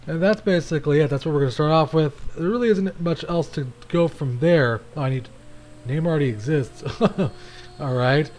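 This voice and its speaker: A man's voice: fairly high pitch, normal speed, a little mellow. A man hosting a gaming channel, giving casual, rambling commentary with frequent restarts while he plays.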